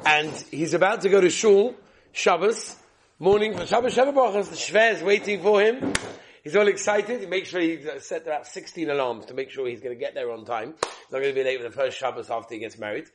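A man with teaching a religious class as a rabbi, telling stories with rhetorical questions and repeated phrases, in a husky voice. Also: fairly high pitch, fairly quick, background noise. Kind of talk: lively religious lesson with storytelling.

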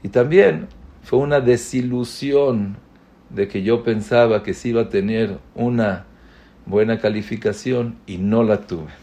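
A man giving an inspirational religious talk, speaking deliberately and repeating phrases for emphasis. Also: lowish voice, warm tone.

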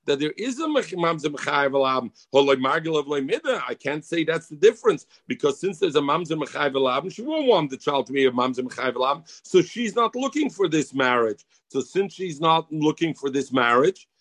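Man, Yiddish accent, higher-pitched voice, husky edge, Talmud teacher, informal lesson, repetitive question-and-answer delivery. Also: expressive, a little fast, few pauses, a bit bright, no room sound.

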